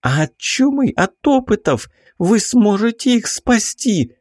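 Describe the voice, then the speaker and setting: A man reading an audiobook, voicing a headstrong, passionate young baroness with imperious, drawn-out exclamations. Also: sits high, very animated, a little mellow, no room sound, clean studio sound, voice pushed up, exaggerated voice. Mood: indignant.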